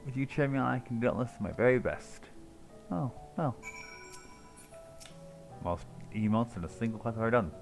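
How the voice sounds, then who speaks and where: A man with a mid-range voice and vocal fry livestreams a video game at a moderate pace, leaving long pauses as he reads dialogue and makes casual, sweary remarks. The recording is low quality, with game music playing behind him.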